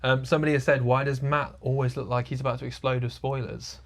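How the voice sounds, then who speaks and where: A man hosting a relaxed livestream chat, his voice carrying a gravelly rasp. He reads audience questions aloud with an upbeat, amused manner. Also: mid-range voice, fast. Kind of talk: casual chat.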